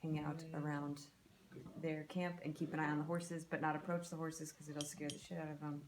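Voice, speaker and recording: A woman's voice: low voice, flat delivery, fairly quick, a crowd in the background. A woman chatting casually as a player in a tabletop fantasy game. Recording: faint background noise.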